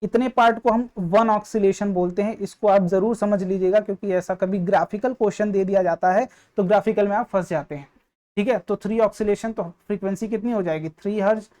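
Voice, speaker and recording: A man teaching a physics lesson, patiently walking students through each point and often checking that they follow. His voice has a soft, mellow warmth. He mixes English terms into his explanations. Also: sits high, steady tone, fairly quick. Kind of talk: online exam-prep lesson.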